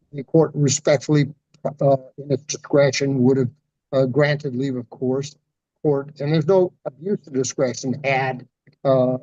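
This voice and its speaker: A male attorney arguing in court over a video call, speaking haltingly with many fillers while his choppy audio cuts out and its volume rises and falls unevenly. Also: mid-range voice, warm tone, dry recording, lo-fi sound. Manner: halting, full of fillers and restarts. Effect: choppy video-call audio cutting out, uneven volume. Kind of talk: courtroom legal argument.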